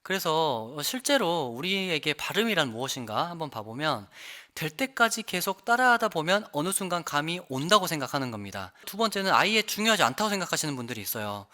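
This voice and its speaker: Lively bright-voiced male English teacher. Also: on the high side, brisk, few pauses. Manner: lively, demonstrates sounds by repeating words. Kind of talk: online lesson explaining pronunciation.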